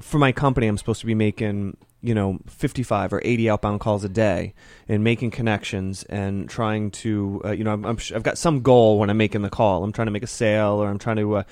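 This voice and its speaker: A man's voice: fairly low pitch, steady tone, brisk, hardly any pauses, darkish tone, dry recording. A man hosting a casual studio interview at a desk mic, asking long, rambling questions. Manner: asks rambling, loosely built questions. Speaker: podcast host, interviewer.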